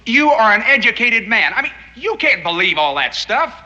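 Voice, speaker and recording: An actor playing a plainspoken American frontier man, forceful and colloquial, in a 1960s TV western drama. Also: very high voice, very animated, moderate pace, exaggerated voice. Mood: skeptical. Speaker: frontiersman, former plantation worker. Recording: echoey, dull TV soundtrack with music.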